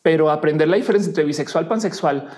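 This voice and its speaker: Speaking quickly in a low voice, this woman from Colombia, with a Colombian accent, is a guest in a casual chat. A teacher and YouTuber, she laughs often, stays animated, and performs the voices she quotes.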